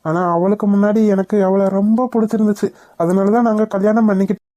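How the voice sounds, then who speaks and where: A woman's voice: mid-range voice, steady tone, fast, dark tone, dull audio, natural voice. A woman voicing a sincere, puzzled young groom in a cartoon. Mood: earnest. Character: earnest, bashful young groom. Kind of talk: cartoon voice acting.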